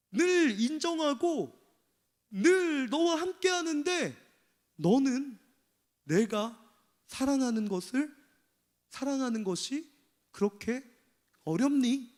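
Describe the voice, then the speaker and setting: A man voicing God as a gentle, fatherly figure who asks tender, pleading questions. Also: very high-pitched, pitched above the performer's own voice, heavily acted. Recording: long church hall reverb.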